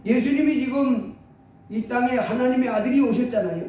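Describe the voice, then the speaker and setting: A man with a strikingly high voice preaches a sermon in a casual, conversational manner, throwing out rhetorical questions and slipping into the voices of the people he quotes. He sounds far from the mic in a heavily echoing hall, with a faint rumble underneath. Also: fairly quick, mellow. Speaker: pastor.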